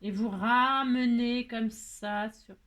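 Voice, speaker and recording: A chatty woman from France leads a relaxed crafting tutorial, joking at her own attempts as she works. Her voice sits on the higher side, and she keeps checking in with her viewers as she talks. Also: slow. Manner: playful, self-mocking, frequent "hein" tag; cooing baby talk to her pet. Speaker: crafting video host.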